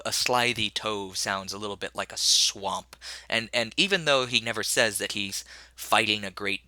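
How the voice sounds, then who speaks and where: A man's voice: on the low side, sharp tone, no room sound. A man teaching a recorded lecture, rambling with many fillers and correcting himself as he goes.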